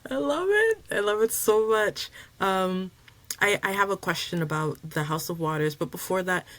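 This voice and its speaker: A woman's voice: mid-range voice, lively intonation, normal speed, fairly bright tone. A woman hosting a casual podcast chat, enthusiastic as she asks her guests questions. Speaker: podcast host.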